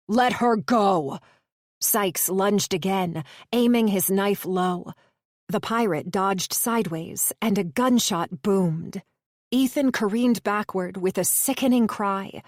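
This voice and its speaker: Woman audiobook narrator, slow measured delivery, dry close sound, mid pitch. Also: no room sound. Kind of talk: scripted narration.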